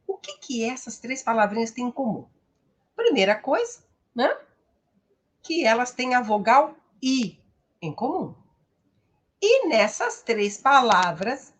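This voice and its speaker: Brazilian woman teacher, high voice with a lively melody, patient and checks in with the class often. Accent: Brazilian Portuguese. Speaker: English teacher. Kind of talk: live-streamed pronunciation lesson.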